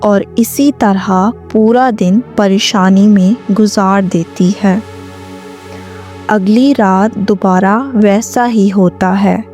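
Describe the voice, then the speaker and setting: A woman narrates a scripted story at a very unhurried pace, her mid-range voice steady and a little mellow. Music plays behind her throughout.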